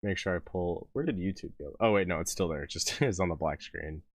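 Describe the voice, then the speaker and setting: His voice is low-pitched and a little fast, captured dry. While his voice gives out, this man hosts a music reaction live stream, chatting loosely with viewers and rambling, breaking off mid-thought and laughing a lot.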